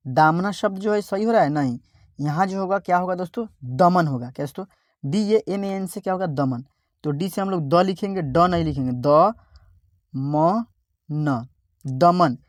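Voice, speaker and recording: Low-voiced woman teacher spelling words. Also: dry recording, clean studio sound. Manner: spells out letters slowly, asks and repeats each word. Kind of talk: online spelling lesson.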